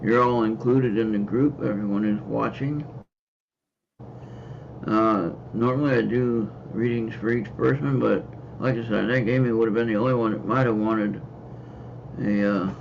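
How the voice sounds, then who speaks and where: The speaker is an American host and card reader on a casual livestream, talking in a rambling way full of hesitant fillers and repetition. His lowish voice has vocal fry, fairly even intonation, and a normal pace. The stream audio is slightly dull lo-fi with a little hiss or hum.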